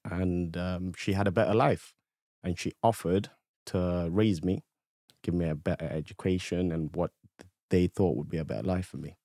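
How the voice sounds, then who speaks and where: Young male podcast guest from Ethiopia, very low voice, relaxed storyteller, dry close-miked sound. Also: moderate pace, no room sound. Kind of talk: casual chat.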